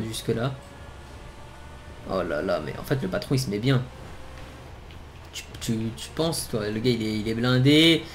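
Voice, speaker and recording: Excitable gaming commentator man. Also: medium pitch, slight background noise. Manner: excitable, talks straight to viewers. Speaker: gaming YouTuber. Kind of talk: casual gameplay commentary.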